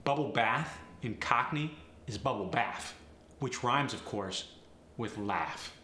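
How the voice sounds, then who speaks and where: A middle-aged man presenting a scripted lesson to camera in a deliberate, emphatic teaching manner. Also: mid-range voice, animated, sharp tone. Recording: roomy echo, faint background noise.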